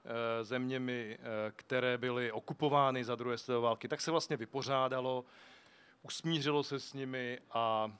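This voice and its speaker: Man, smooth resonant voice, panel guest, measured and explanatory, frequent fillers, outdoor stage, handheld mic. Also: mid-range voice, fairly even intonation, fairly bright tone. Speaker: foundation director, panel guest. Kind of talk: panel discussion answer. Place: outdoor street festival stage. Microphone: shared handheld microphone.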